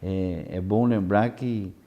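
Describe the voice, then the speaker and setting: A man São hosting an unscripted conversational interview, haltingly repeating words as he searches for phrasing. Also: fairly low pitch, steady tone, dull audio. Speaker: interview host.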